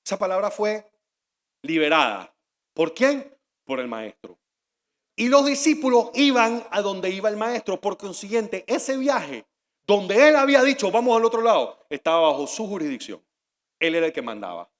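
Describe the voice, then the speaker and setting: A male pastor preaching a sermon, swinging from hushed asides to loud outbursts. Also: sits high, normal speed. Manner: animated, shifting between shouts and hushed asides. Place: church hall. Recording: long reverb of a large hall.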